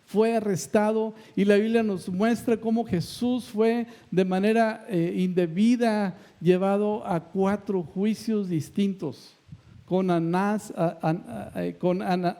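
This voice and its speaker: A man's voice: high voice, fairly even intonation, takes it slowly, warm tone. A male pastor preaching a sermon with emphatic, repeated phrases.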